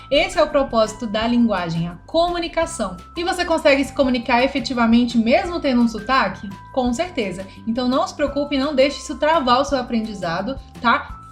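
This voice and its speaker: Woman from brasília teaching a lesson, pretty high voice, chatty, keeps asking the viewer stuff, soft music behind. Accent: Brasília Brazilian Portuguese. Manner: conversational, addressing the viewer directly with questions. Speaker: English teacher. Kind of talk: direct-to-viewer video lesson.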